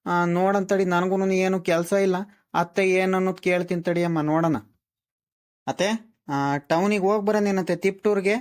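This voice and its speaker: A woman's voice: fairly low pitch, fairly even intonation, darkish tone, natural voice. A woman voicing a practical young daughter-in-law in a village cartoon, with a matter-of-fact manner. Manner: matter-of-fact, listing, drawn-out fillers. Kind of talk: cartoon voice acting.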